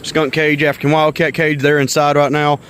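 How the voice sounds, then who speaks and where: A man's voice: a little high, flat delivery, moderate pace, background noise. A man chatting casually as he tends backyard fish ponds outdoors, rambling and narrating each chore. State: out of breath. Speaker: pet keeper vlogger. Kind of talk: casual outdoor pet vlog. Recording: loud backing music over the voice. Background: hip hop music.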